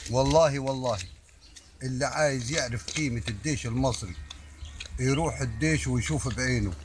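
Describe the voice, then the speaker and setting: A man's voice: fairly high pitch, noisy background. An older man with an Egyptian Arabic accent speaks off the cuff in an emphatic, repetitive way, stumbling over words as he addresses the public. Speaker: army veteran giving his opinion. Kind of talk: impromptu monologue addressed to the public.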